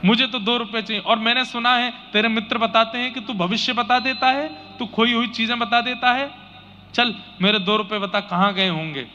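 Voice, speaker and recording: A man's voice: extremely high pitch, steady tone, normal speed, pushed and bright. A man voicing a frantic poor village father. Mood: scolding. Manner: pleading, scolding. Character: poor anxious village father, desperate over lost money. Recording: slightly dull audio with faint noise.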